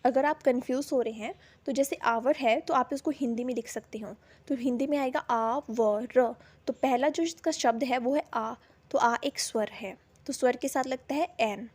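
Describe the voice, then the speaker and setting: A woman teaching English grammar, slowly repeating each example word. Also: high-pitched, a little mellow, husky. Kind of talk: explaining a lesson in Hindi.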